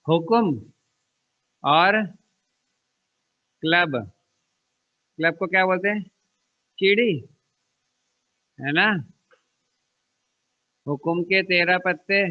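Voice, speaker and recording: Slow, high-voiced man teaching a lesson. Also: muffled recording. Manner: asks pupils questions and answers them himself, jokes, repeats key numbers. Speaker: math teacher. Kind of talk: classroom-style math lesson.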